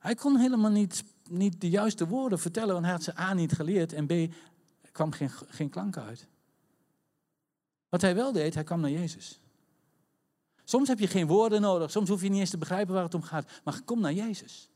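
A man preaching a conversational sermon, acting out quotes and rising to shouts at the high points. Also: normal speed.

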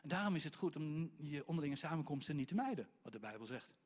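A male preacher, telling a story in a lively sermon and swinging between hushed and loud delivery with stammering restarts. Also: a little high, fast, breathy edge.

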